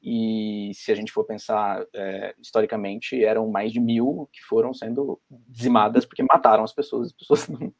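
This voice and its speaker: A man's voice: on the low side, flat delivery, normal speed, gravelly. A Brazilian man with a Brazilian Portuguese accent, talking on a video-call panel and thinking aloud with many fillers and restarts. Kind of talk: academic panel discussion.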